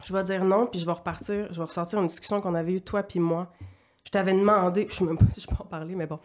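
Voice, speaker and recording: A woman's voice: on the low side, steady tone, fast, a little mellow. A woman in her thirties with a Quebec French accent, a podcast guest telling her story in a candid, run-on way. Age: 30s. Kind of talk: casual conversational interview.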